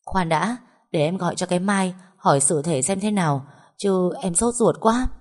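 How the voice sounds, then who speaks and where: A woman's voice: fairly low pitch, moderate pace, a little mellow, lightly acted. A woman voicing a worried young married daughter who asks anxious, urgent questions and keeps the peace.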